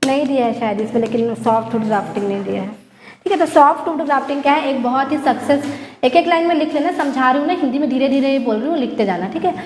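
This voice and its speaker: High-voiced woman teaching in an echoey room. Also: a little mellow, slight background noise. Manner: explains step by step, often checking "theek hai?"; mixes in slowly dictated English lines. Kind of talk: classroom lecture.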